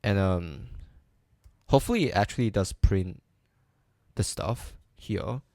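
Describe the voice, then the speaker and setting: A man's voice: lowish voice, lively intonation, slow, warm tone, no room sound, clean studio sound. A man live coding and thinking aloud, hesitant and full of ums and restarts, making light fun of his own mistakes. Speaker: coding streamer.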